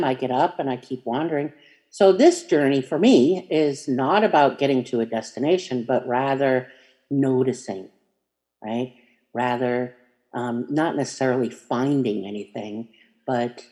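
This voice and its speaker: Gentle, meandering spiritual speaker. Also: mid-range voice, lively intonation, normal speed. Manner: meandering, hesitant, many fillers and restarts; gentle and inviting. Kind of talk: reflective spiritual talk.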